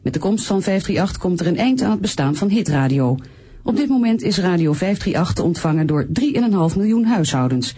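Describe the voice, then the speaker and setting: A woman newsreader reading a radio news bulletin in a formal, measured way, heard as an archival radio news broadcast. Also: fairly low pitch, animated, mellow, slightly rough.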